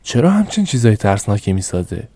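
A man's voice: on the low side, sing-song, mellow. Man doing a shaken young cemetery guard. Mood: frightened. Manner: shaken, timid.

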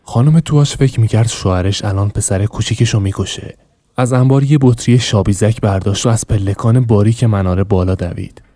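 A man reads a novel aloud as a podcast narrator in an even, measured way. His voice is fairly low and mellow. The recording is dry and close, with no room sound. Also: no echo.

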